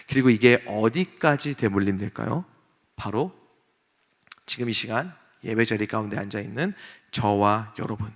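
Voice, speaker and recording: A pastor in his thirties preaching a sermon, telling a family story and acting out the voices with lively shifts in pitch and volume. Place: church sanctuary. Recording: long church hall reverb.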